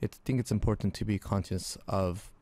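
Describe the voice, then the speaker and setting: A man's voice: lowish voice, fairly even intonation, brisk, mellow. A young man from Argentina talking in a casual interview about his film work, thoughtful and hesitant, with many fillers and restarts. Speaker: interview guest, film artist.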